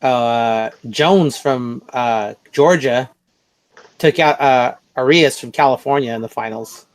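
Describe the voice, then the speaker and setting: A man's voice: medium pitch, poor audio. A man hosting a casual podcast, thinking aloud as he reads through a list. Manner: slow, thinking aloud while reading a list. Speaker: podcast host. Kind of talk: casual chat.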